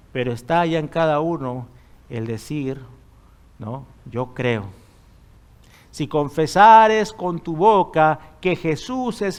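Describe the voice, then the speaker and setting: A man's voice: high-pitched, clean tone. Man preaching a sermon. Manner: conversational preaching, frequent rhetorical questions to the congregation. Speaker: pastor. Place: church.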